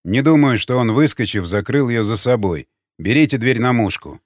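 A man's voice: mid-range voice, expressive, normal speed, no room sound, clean studio sound, natural voice. A man voicing a ruthless raider commander who gives clipped, cold orders. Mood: commanding.

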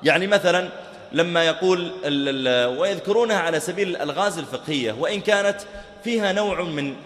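A man delivers a rapid, lively religious lesson. He acts out little exchanges between people as he explains the rulings. His slightly high voice rings out in a roomy hall with a long reverb. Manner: fast, animated teaching with acted-out example dialogues. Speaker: Islamic preacher. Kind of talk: recorded religious lesson on jurisprudence.

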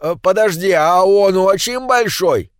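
A man voicing a band of excitable male gnomes who shout and rally each other. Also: sits high, a little slow, smooth, dry recording, clean studio sound, voice pushed up. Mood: rowdy.

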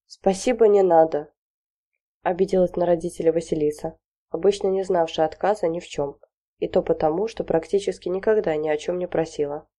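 A woman narrating an audiobook in a measured, wry storytelling manner. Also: lowish voice, steady tone, dark tone. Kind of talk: scripted narration.

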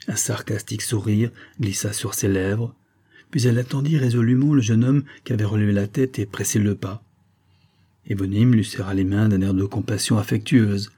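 A man reading a romantic novel aloud at a measured, even pace. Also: on the low side, husky. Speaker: audiobook reader.

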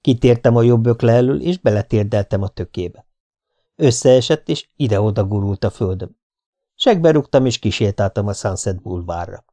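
The audiobook reader's voice is lowish, warm, and animated as he narrates a first-person hard-boiled novel. He delivers it in a dry, laconic way.

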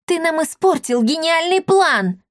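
A woman voicing a hot-tempered scrappy orphan girl who shouts threats. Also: extremely high pitch, animated, a little slow, no room sound, clean studio sound, pitched above the performer's own voice. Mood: fierce, taunting.

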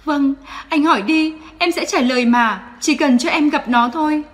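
A woman voicing a desperate young mother who begs tearfully for her child in a high, strained voice. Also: moderate pace, lightly acted. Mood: meek.

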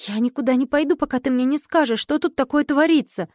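Scared young storybook girl, voiced by a woman: raised pitch, pleading tone. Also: fast, darkish tone, dry recording, clean studio sound, natural voice. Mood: anxious. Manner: anxious, pleading. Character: frightened young village girl.

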